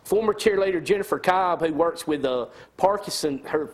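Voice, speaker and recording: A man with a Southern American accent, a radio host chatting in a quick, easygoing way. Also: a little high. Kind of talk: casual chat.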